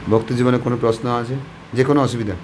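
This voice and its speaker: A man's voice: medium pitch, fairly even intonation, rapid-fire, a little mellow, slight background noise. A devotional preacher, a man, giving practical instructions and coaxing his audience to ask questions. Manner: coaxing, instructive, urging the audience with repeated commands. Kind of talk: devotional question-and-answer talk.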